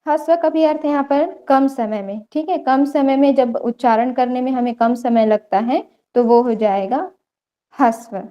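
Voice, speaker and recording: A woman's voice: high-pitched, normal speed, warm tone, highs cut off. A young woman teaching an online yoga theory class, explaining step by step and checking in often with her students. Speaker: yoga lecturer.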